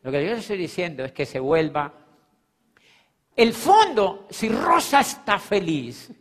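A man giving an animated, emphatic motivational talk, repeating phrases and checking in with his audience. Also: high-pitched, unhurried. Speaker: motivational speaker. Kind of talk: live motivational seminar talk. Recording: long hall reverb.

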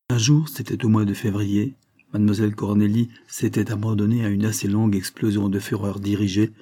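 Husky, low-voiced male audiobook narrator. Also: warm tone. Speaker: audiobook reader. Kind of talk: scripted narration of a novel.

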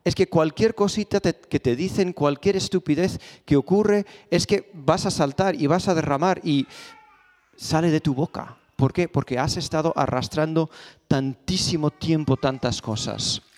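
A male pastor preaches, telling stories and hammering points home through rhetorical questions and repetition. His voice sits a bit high and carries a long reverb the church hall. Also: normal speed, darkish tone. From Spain. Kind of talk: sermon. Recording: echoey hall.

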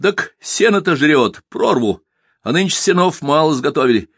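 A man's voice: on the high side, sing-song, normal speed, a bit bright, husky, dry recording, studio quality, pitched above the performer's own voice, heavily acted. A man voicing a poor village peasant who haggles and grumbles in rustic speech. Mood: haggling.

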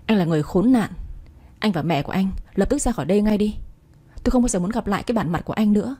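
A distraught young man, tearful and desperate, his voice dark and mellow, as a woman reads his lines. His pleading comes through a husky, breathy tone in a storybook reading. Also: medium pitch, lively intonation, fast. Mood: furious. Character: young man, heartbroken and sobbing.

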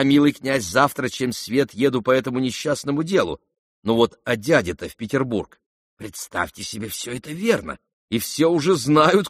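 A polished, confiding gentleman , voiced by a male reader, talks low and hushed. The reader's deep voice sinks even lower and quieter. The dry, close sound makes it feel private. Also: no room sound. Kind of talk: audiobook character reading.

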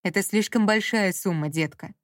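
A woman voicing a domineering, guilt-tripping middle-aged mother who talks down slowly and scolds, in a dry audiobook reading. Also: mid-range voice, no room sound, natural voice. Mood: condescending. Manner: slow, scolding and condescending.

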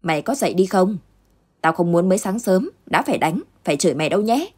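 A woman's voice: on the low side, expressive, fast talker, darkish tone, husky. A woman voicing a cruel, scheming stepmother who snarls threats in a storybook tale. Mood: threatening.

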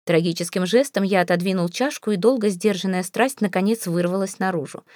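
Woman narrator for a classic novel, measured and even, warm dark tone, dry booth sound. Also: medium pitch, dry recording. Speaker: audiobook narrator. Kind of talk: scripted narration.

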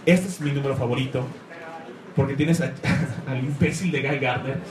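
A man's voice: medium pitch, fairly even intonation, normal speed, a crowd in the background. A man giving an enthusiastic talk about comics to a live audience, rambling and searching for words. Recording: echoey room, faint noise.

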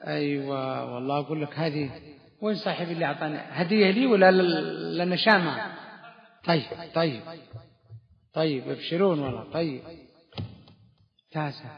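A man teaching Quran exegesis to a study circle, firing quick questions at his students and praising their answers briskly. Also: a little high. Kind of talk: classroom question-and-answer lesson. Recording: dull reverberant lo-fi hall recording.

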